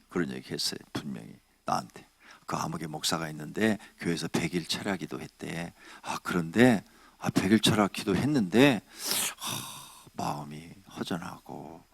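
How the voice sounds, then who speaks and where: Gravelly, animated Korean pastor preaching. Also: male voice, deep voice, no room sound. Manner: emphatic, swings between loud exhorting and hushed asides; asks the congregation questions. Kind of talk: Friday night sermon. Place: church sanctuary.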